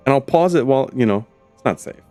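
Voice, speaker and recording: A man with a voice still rough from being sick, hosting a casual, chatty reaction video with excitable tangents and casual swearing. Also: quick pace. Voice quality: deep husky radio-like voice. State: voice rough from recovering from illness. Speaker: YouTube host reading Reddit stories. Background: faint ambient music.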